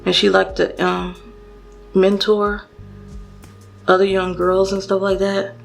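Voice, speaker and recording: A woman's voice: mid-range voice, completely flat delivery, slow pace, gravelly, faint music behind. A young woman telling a personal story to her viewers while doing her makeup, casual and chatty with lots of fillers and restarts. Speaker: beauty vlogger.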